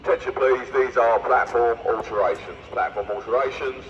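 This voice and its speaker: A man making train station announcements over a public address loudspeaker, measured and repeating key details. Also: medium pitch, steady tone, slight background noise. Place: open railway platform. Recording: distant echoey dull station loudspeaker.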